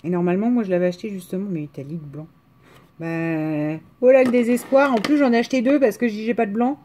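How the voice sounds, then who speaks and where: A woman's voice: mid-range voice, animated, quick pace, warm tone, slight background noise. A woman with a rural French accent, chatting casually to viewers in a haul video, rambling with hesitations and restarts. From France. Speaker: vlogger showing a craft haul.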